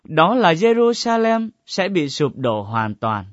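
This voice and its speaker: Man reading scripture, measured and solemn, slightly high voice, dry muffled recording. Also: very animated, no echo.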